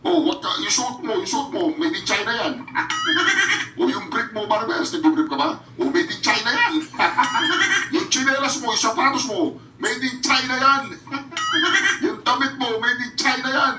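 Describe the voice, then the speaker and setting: A man's voice: extremely high pitch, sing-song, unhurried, echoey room, recorded from a distance, noisy background. A man doing mocking reaction commentary, taunting, often bursting into laughter and addressing his viewers directly. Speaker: reaction vlogger.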